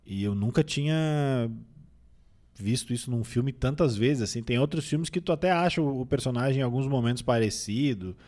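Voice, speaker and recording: A man's voice: mid-range voice, moderate pace. A man with a nasal voice from a cold, chatting casually as a film critic. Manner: relaxed, rambling with restarts. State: recovering from a cold. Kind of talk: casual film review chat.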